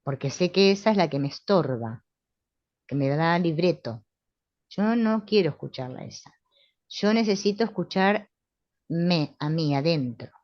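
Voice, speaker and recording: Calm rioplatense lady teaching a therapy class, low voice, dry dull lo-fi sound. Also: measured pace, dry recording. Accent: Rioplatense Spanish. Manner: calm, assured, with frequent tag questions. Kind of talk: spiritual therapy lesson.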